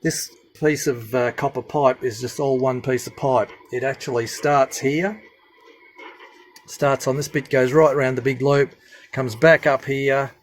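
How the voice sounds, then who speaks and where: In a room at home filled with radio gear, an amateur CB radio hobbyist gives an informal hands-on demonstration. His mid-pitched, steady voice is hesitant and halting, pausing often as he works, and the handheld indoor recording has faint noise.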